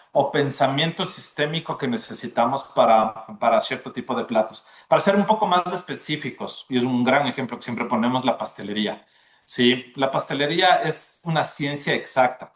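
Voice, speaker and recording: A man's voice: medium pitch, fairly bright tone. A man, a gastronomy school dean, explaining at length in a podcast interview and often checking in with the listener. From Ecuador. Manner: explanatory, often tags "¿no es cierto?".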